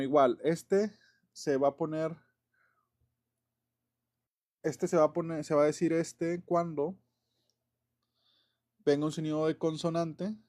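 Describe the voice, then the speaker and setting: A man with a medium-pitched, darkish voice gives a casual classroom explanation of English grammar. He's an English teacher, and his talk rambles chattily, filled with fillers, self-corrections and small chuckles.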